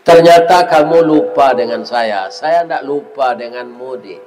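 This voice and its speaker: Devout tender male doctor, as a preacher puts him on, soft pleading prayer. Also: mid-range voice, measured pace, pitched below the performer's own voice, close to an everyday voice. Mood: gentle. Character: pious tender-hearted male doctor, adult.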